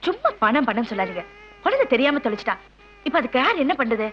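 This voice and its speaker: An actress playing a patient middle-aged wife who calms her angry husband and gently reproaches him. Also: a little high, quick pace, highs cut off, slight background noise. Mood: pleading. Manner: pleading, soothing, gently reproachful. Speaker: wife and mother. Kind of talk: film scene acting.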